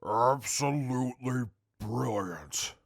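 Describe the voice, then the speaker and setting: A man's voice: mid-range voice, animated, slow pace, vocal fry, dry recording, clean studio sound, full character voice. A man playing a haughty, mocking, pompous prisoner in an audio drama. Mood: exasperated. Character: haughty, mocking male prisoner, disdainful and articulate.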